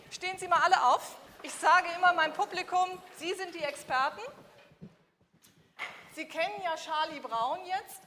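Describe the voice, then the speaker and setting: A woman leading a body-language workshop in a hall, lively and full of questions to her audience, acting out little examples as she goes. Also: high-pitched. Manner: animated, asks the audience questions and acts out examples. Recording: reverberant hall, faint room noise.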